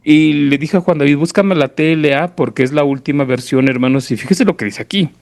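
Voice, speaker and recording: During a church service, a preacher with a Mexican accent delivers an informal, didactic sermon with Bible reading, talking conversationally and often making sure listeners follow. His voice is a little high and a little mellow, and he speaks fairly quickly. There's no echo.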